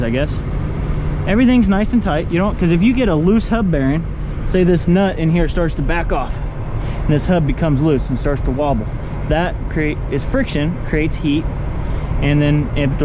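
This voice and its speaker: Over clear outdoor vehicle noise, a man talks in a somewhat high-pitched voice. He explains things like a working truck driver on a vlog, plain-spoken and folksy, in a casual, hands-on way. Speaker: truck driver vlogger, former mechanic. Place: outdoors beside truck and trailer.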